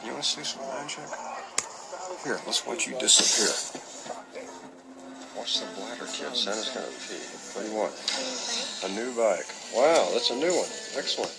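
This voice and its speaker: An actor playing a surly, crude mall Santa in film dialogue, gruff, sarcastic and impatient. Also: male voice, mid-range voice, animated, moderate pace, pauses often, over loud music, low-quality recording. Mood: sarcastic, irritated.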